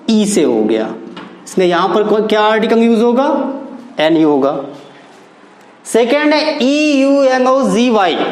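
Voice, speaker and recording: A man's voice: high voice, echoey room, poor audio. A man teaching English grammar in a classroom style, spelling out words letter by letter and explaining them step by step.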